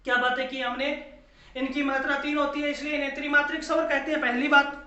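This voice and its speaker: A man's voice: extremely high pitch, little pitch movement, fast, pushed and bright. A male teacher giving a classroom lecture, asking his own questions and repeating key phrases, sometimes drawing out vowels to show them. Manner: drawls long vowels to demonstrate. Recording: echoey room, dull lo-fi sound.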